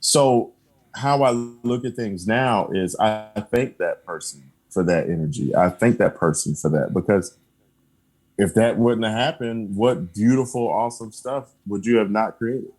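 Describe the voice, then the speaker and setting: A man with a fairly low voice speaks as a podcast guest. He talks in a relaxed, earnest way, hammering his points home with repeated affirmations. He breaks into short laughs between points. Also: measured pace. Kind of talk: casual conversation.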